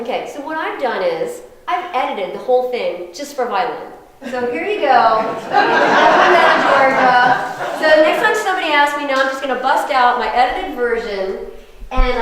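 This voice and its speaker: A woman violinist chatting casually with a live audience between pieces, laughing and telling stories. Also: fairly high pitch. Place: house concert venue with audience. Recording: echoey room.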